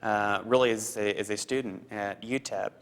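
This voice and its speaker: A man in his thirties who grew up in Costa Rica, a foundation program officer answering interview questions earnestly, halting with fillers and repeats. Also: fairly low pitch, fairly even intonation, fairly bright tone.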